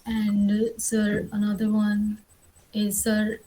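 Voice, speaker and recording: A woman's voice: medium pitch, completely flat delivery, slow, mellow, low-quality recording. A young woman with a North Indian accent answers as an interview candidate, formal and deferential. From Karnal, Haryana, India. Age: young adult.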